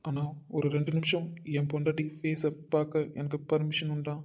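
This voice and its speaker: A man's voice: on the high side, monotone, brisk, a little mellow, lightly acted. A man playing a remorseful young husband who speaks earnestly and apologetically in an amateur audio drama. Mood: remorseful, tender.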